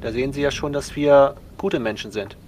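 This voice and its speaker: A male player with a medium-pitched voice speaks in character in a tabletop role-play. There is noise behind him. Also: fairly quick, darkish tone.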